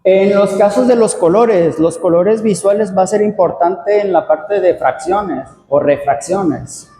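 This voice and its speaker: A man's voice: sits high, unhurried, mellow, a little hiss or hum. Man talking in an echoey room. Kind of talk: class presentation. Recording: echoey room, faint background ambience.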